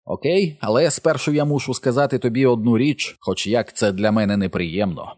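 A man's voice: medium pitch, moderate pace, a little mellow, no room sound, clean studio sound, natural voice. A man voicing a brash, showy, wisecracking boy of about eleven in a storybook reading. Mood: teasing.

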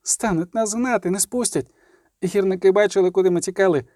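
A man's voice: high voice, brisk, warm tone, dry recording, clean studio sound, voice pushed up, natural voice. A man reading aloud, voicing a brash young woman archer who speaks breathlessly and presses hard. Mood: urgent.

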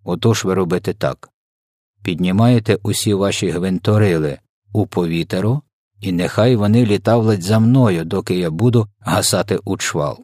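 BFG, a gentle giant, as a man puts him on. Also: low voice, dry recording, clean studio sound. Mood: good-natured. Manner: slow, muddled, garbled speech. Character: kindly huge old male giant, mangles words. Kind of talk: storybook character voice.

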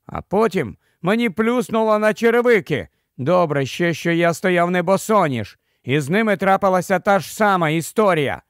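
Guy reading a sensible boy, earnest and quick, a bit higher, dry. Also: animated, dry recording.

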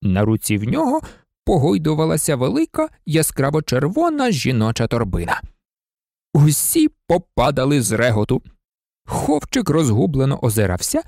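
Animated audiobook narration, dry close sound. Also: gravelly, no room sound. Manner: animated, shifting pitch for drama. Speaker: audiobook reader. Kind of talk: expressive book narration.

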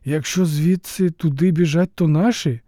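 A man's voice: a little high, normal speed, warm tone, no room sound, clean studio sound, voice pushed up, close to an everyday voice. A man voicing an anxious, bewildered Trojan guard officer in an audiobook, asking uneasy, hesitant questions.

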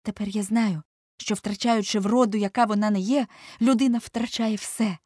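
A woman's voice: medium pitch, a little mellow, no room sound, studio quality, voice pushed up, close to an everyday voice. A woman reading aloud voices a vain, anguished young man who dreads growing old, in impassioned, pleading speech. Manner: impassioned, rising to pleading outbursts.

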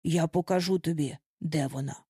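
A woman voicing a shy, guilt-stricken young boy who speaks quietly and solemnly, in an audiobook. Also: low voice, fairly even intonation, moderate pace, slightly rough, dry recording, studio quality, voice pushed down. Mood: calm. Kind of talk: audiobook character voice.

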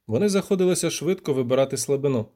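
Animated man reading an audiobook. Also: mid-range voice, very fast. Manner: vivid, animated storytelling. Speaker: audiobook narrator. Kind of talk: expressive scripted narration.

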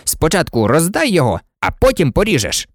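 A man's voice: on the high side, huge pitch swings, brisk, dry recording, studio quality. Man doing an eager boastful unicorn. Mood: cocky. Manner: eager, exclaiming. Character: boastful excitable unicorn, quick to protest.

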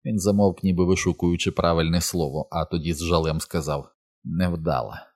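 A man reads a novel aloud as an audiobook narrator. His voice sits very low and his delivery is even and unhurried, like steady storytelling.

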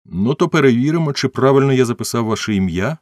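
A man voicing a sharp, officious male policeman who asks curt questions. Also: medium pitch, expressive, fast, no echo, studio quality, pitched above the performer's own voice, natural voice.

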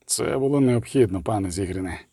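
A man's voice: fairly low pitch, fairly quick, warm tone, slightly rough, no room sound, clean studio sound, voice pushed down. A man voicing a stern male knight who speaks in a clipped, commanding way.

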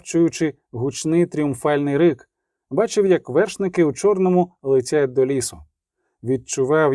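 A man narrating a fantasy battle audiobook in a steady, measured storytelling voice. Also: on the high side, dry recording, clean studio sound.

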